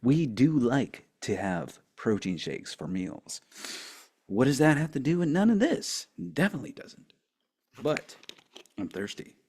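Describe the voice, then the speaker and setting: A man's voice: mid-range voice, very animated, measured pace, darkish tone, husky. A man hosting his own show, joking around and muttering to himself while setting up, with playful curses and announcer bits. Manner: jokey, self-mocking, mutters and curses while fiddling with gear. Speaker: podcast host. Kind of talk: rambling solo setup chat.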